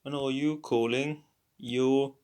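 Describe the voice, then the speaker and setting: A tired man teaching a casual language lesson, halting with many fillers and repeats. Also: medium pitch, steady tone, a little mellow, a little hiss or hum. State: tired, yawning.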